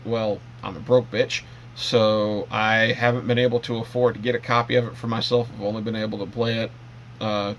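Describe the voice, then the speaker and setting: A man talks through his thoughts in a relaxed vlog. He rambles, often restarting sentences and filling gaps with "um." His pitch sits mid-range, and a faint hum runs under the recording. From Canada. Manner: rambling, with many ums and restarts. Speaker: vlogger. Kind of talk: casual monologue.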